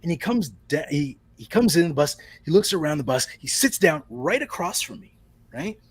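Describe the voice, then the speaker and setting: Man, interview guest, husky, animated pitch, rambling storyteller. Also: moderate pace. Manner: rambling storyteller with restarts and laughs. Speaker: interview guest, comic creator. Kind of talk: casual interview chat.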